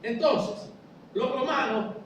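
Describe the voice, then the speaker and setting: Male pastor, high voice, sermon style, heavy church-hall echo, off-mic. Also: takes it slowly, a bit bright, distant mic, slight background noise. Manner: explanatory preaching, rhetorical questions, addresses listeners as brother.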